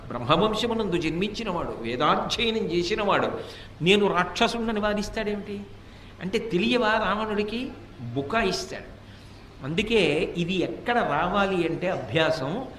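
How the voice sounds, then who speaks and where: A man's voice: sits high, a bit bright. Male spiritual teacher, religious discourse, rhetorical questions, roomy echo, faint background noise. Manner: rhetorical questions, acted quotes. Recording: echoey room, distant mic.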